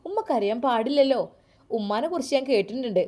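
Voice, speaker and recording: A woman's voice: on the high side, lively intonation, brisk, dark tone, lightly acted. A woman voicing a young female lawyer who speaks in a soothing yet firm way. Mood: gentle. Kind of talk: storytelling with acted dialogue.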